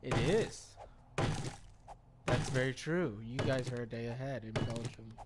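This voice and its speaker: A man's voice: medium pitch, a little slow. Rambling man streaming a game. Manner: rambling, stammers and restarts. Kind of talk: casual gameplay commentary. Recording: loud game noise underneath.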